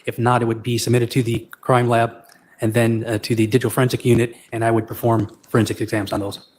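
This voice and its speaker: Male expert witness, middle-aged, little pitch movement, matter-of-fact and halting on the stand. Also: level tone, darkish tone. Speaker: expert witness, retired state trooper and forensic analyst. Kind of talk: formal courtroom testimony. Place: courtroom. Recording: faint background noise.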